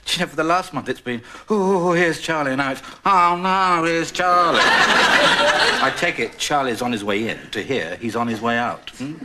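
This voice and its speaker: A man's voice: medium pitch, moderate pace, pushed and bright. A middle-aged actor playing a wry, sardonic single father. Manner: dry, sardonic. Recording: hissy broadcast recording.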